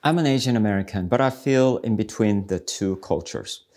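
A South Korean man hosts a ministry podcast, giving an earnest, reflective devotional talk in a searching, preacherly manner. His fairly low voice moves at a moderate pace and is a little mellow. Soft music plays in the background.

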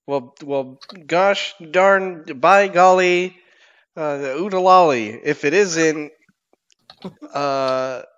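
A man's voice: a little high, extremely slow, a bit bright, clear, resonant tone, pitched above the performer's own voice. A man voicing a folksy adventurer who piles on over-the-top exclamations, in a tabletop game. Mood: gushing. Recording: dull lo-fi sound.

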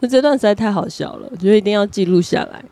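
Woman telling a lively story. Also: mid-range voice, very fast, dry recording. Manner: lively storyteller, laughs often while talking. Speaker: podcast co-host. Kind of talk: casual chat, personal storytelling.

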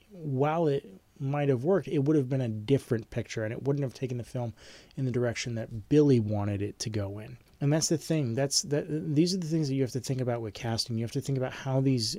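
A man's voice: mid-range voice, dark tone, no room sound. A man teaching a film studies class in an informal, rambling way, with frequent ums and restarts. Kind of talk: informal online lecture.

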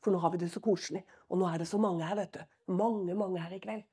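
A woman voicing a nervous male church leader in a whispered role-play, hushed and wheedling. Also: fairly low pitch, steady tone, husky, voice pushed down.

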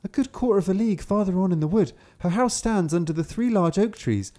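A man voicing an innocent, trusting young girl in a high, sing-song manner. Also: expressive, fairly quick, mellow. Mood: chirpy.

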